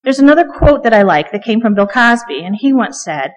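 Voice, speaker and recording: A woman's voice: fairly high pitch, sing-song, a little fast. Chatty woman preaching in a reverberant church. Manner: chatty, joking asides, frequent ums. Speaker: guest preacher. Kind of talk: conversational sermon. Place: church sanctuary. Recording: long reverb of a church hall.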